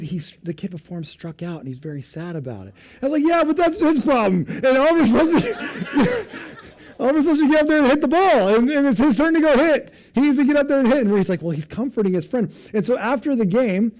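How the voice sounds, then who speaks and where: A man in his thirties, a pastor, preaching a sermon with self-deprecating, animated storytelling. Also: a little high. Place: church.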